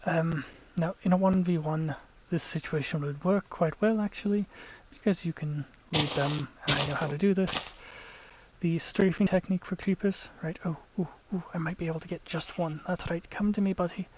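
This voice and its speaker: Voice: medium pitch, steady tone, normal speed, background noise. Chatty gamer explaining play as it goes. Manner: chatty, explains tactics to viewers. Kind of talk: casual gameplay commentary.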